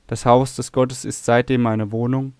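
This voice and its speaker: A man's voice: mid-range voice, flat delivery, moderate pace, darkish tone, clear, resonant tone, no room sound, close to an everyday voice. A man voicing a grieving young male temple servant, speaking earnestly and sorrowfully.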